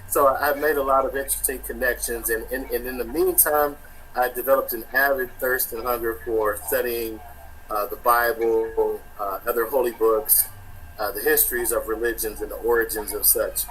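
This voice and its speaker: A man's voice: mid-range voice, steady tone, moderate pace, a bit bright, poor audio. A man who used to work as a radio host, introducing himself as a panel guest with a fluent on-air delivery broken by uh fillers and repeated words. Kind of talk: self-introduction in a panel discussion.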